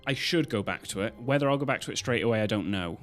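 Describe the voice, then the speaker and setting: Low-pitched British man rambling casually. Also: animated, fast, soft background music. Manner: rambling, loosely strung-together talk. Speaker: live streamer hosting. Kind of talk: casual stream chat.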